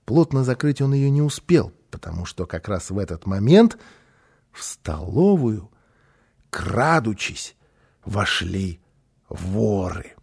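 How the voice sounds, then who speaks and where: Gravelly expressive male storybook narrator. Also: lowish voice, slow. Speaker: audiobook narrator.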